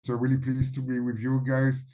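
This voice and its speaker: A man's voice: mid-range voice, completely flat delivery, warm tone. French-accented man presenting, muffled call. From Belgium. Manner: halting, searching for words. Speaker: webinar presenter.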